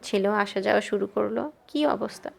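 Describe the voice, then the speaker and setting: A woman's voice: medium pitch, normal speed, gravelly. A woman reading the lines of an agitated, scolding middle-aged father in an audiobook. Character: worried middle-aged father, indignant and protective.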